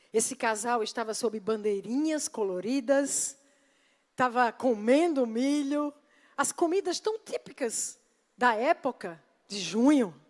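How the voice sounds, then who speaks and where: A woman pastor preaching a sermon in church, emphatic and asking the congregation rhetorical questions. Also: fairly high pitch.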